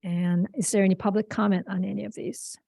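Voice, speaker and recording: A woman's voice: mid-range voice, steady tone, fairly quick, vocal fry, dark tone, no room sound, studio quality. A woman chairing a public board meeting, talking in a hesitant way with many fillers and restarts.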